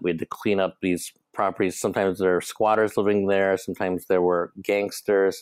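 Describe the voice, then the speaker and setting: A man from Hong Kong, in his thirties, telling his story as a podcast guest in a relaxed, rambling way with fillers. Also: deep voice, no echo, low-quality recording. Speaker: guest, startup co-founder. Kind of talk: casual interview talk.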